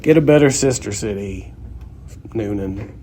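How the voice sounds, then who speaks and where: A man's voice: fairly low pitch, a little slow, noisy background. A man, a young adult guest comedian, delivering a sarcastic, grumbling comedic rant.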